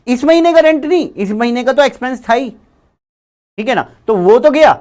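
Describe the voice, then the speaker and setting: Animated male accounting teacher. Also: high voice. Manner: animated, repeats key words, chatty. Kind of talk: classroom lecture.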